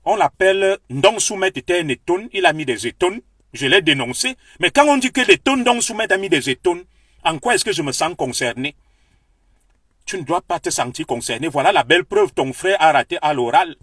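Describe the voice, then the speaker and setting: A man's voice: high-pitched, sing-song, moderate pace, fairly bright tone, slightly rough, dry recording, clean studio sound. A Cameroonian man with a Beti French accent, delivering an impassioned, lecturing political monologue straight to his viewers. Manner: heated, declamatory, lecturing the viewer. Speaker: political commentator.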